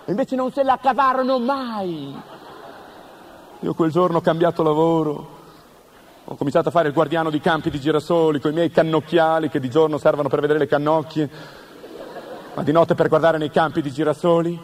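A man delivering an absurdist stand-up monologue full of deadpan wordplay and mock-serious questions. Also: a little high, fairly quick, slight background noise. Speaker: comedian.

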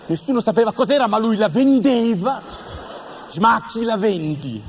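A man delivering an absurdist stand-up monologue full of deadpan wordplay and mock-serious questions. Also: high voice, normal speed, a little hiss or hum. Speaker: comedian.

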